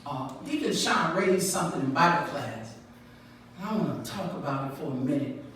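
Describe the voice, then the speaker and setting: A woman's voice: deep voice, expressive, normal speed, a little hiss or hum. Woman preaching in an echoey church. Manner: conversational preaching, rising to emphatic call-outs to the congregation. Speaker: pastor. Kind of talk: sermon. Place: large church sanctuary. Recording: echoey church hall from far off.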